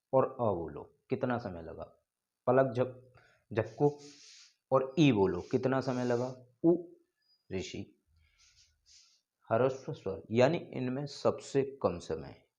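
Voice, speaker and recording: A man teaching an exam-prep grammar lesson, explaining slowly and repeating points, stretching out called-out names. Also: mid-range voice, a little mellow, dull audio. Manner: slow, repetitive explaining, drawing out called-out names.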